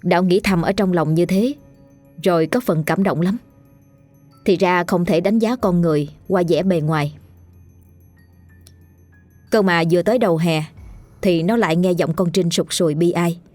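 Low-voiced woman storyteller. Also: normal speed, long pauses, a little mellow, dry recording, soft background music. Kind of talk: scripted horror audiobook narration.

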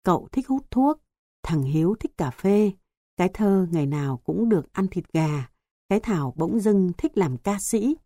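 A woman reads an audiobook story in a calm, measured way. Her voice is fairly low, with a mellow, warm tone. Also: dry recording, clean studio sound. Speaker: audiobook narrator. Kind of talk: scripted narration.

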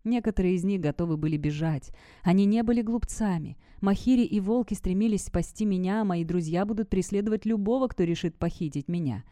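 A woman narrating a dark fantasy novel in first person, reading dramatically. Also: mid-range voice, fairly quick, hardly any pauses, dry recording, clean studio sound. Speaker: audiobook narrator. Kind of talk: fiction audiobook narration.

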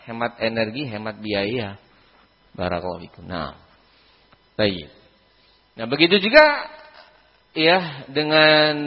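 A man giving a lively religious lesson in a mosque, keeps repeating a pious filler phrase, on a reverberant, dull recording. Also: mid-range voice. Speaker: Islamic teacher.

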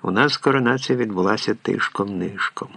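Gravelly male audiobook narrator. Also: fairly low pitch, fairly quick, bright, forceful tone, dry recording.

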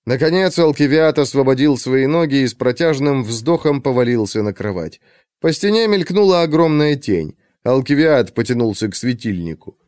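A man narrating an audiobook in a measured, suspenseful storytelling manner. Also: medium pitch, animated, darkish tone, dry recording, clean studio sound. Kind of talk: scripted narration.

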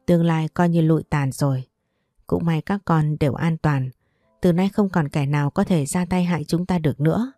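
A woman's voice: low-pitched, moderate pace, warm tone, no room sound, clean studio sound. A woman voicing an older father who speaks in a solemn, preachy way, read in a storybook. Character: older father, calm and moralizing.

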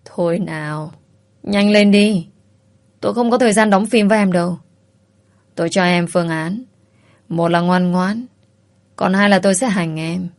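A woman voicing an arrogant grown man who sneers and gives impatient commands, in a lowish voice. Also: steady tone, moderate pace, close to an everyday voice. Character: arrogant, mocking grown man, pushy and cold.

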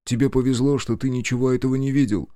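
A man's voice: mid-range voice, steady tone, fast talker, dark tone, no room sound, clean studio sound, voice pushed up, close to an everyday voice. A man voicing a nasal, guilt-ridden young man in an audiobook. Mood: brooding.

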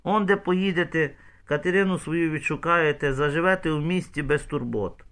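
A man's voice: on the high side, normal speed, a bit bright, pitched above the performer's own voice, close to an everyday voice. A man voicing a shrewd, pushy village woman trader in an audiobook. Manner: persuasive, pushy.

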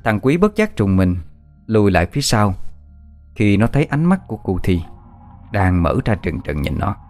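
Male horror-story narrator, slow and measured delivery, low voice, faint music under him. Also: very animated, darkish tone.

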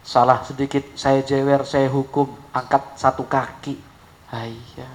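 A man preaching a sermon, telling stories with lively shifts of voice and acting out an angry father. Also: unhurried, rough recording. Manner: animated storytelling, acting out an angry father in high shouts.

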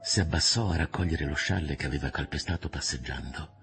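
Deep gravelly male audiobook narrator. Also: fairly quick, over music.

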